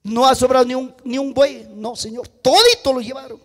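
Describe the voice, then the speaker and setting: A man preaching a sermon, telling a story dramatically and swinging between loud and hushed. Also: extremely high pitch, steady tone, moderate pace. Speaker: pastor.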